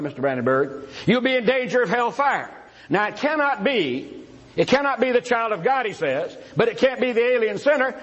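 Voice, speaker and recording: A man's voice: extremely high pitch, a bit bright, poor audio. A man in a religious debate, rebutting his opponent directly and citing scripture by chapter and verse. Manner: argumentative, addresses opponent directly.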